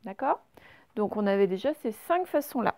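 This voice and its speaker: A French-accented woman, a primary school teacher, leads a slow, patient spelling lesson for young pupils, drawing out each example word. Her voice is medium-pitched and mellow with lively intonation, and the recording has no echo.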